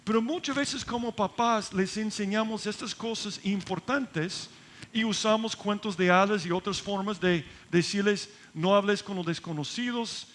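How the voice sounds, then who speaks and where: A man's voice: high voice, measured pace, a bit bright, a little hiss or hum. A man preaching a sermon in church, telling a story with frequent rhetorical questions and restarts. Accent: American. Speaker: pastor.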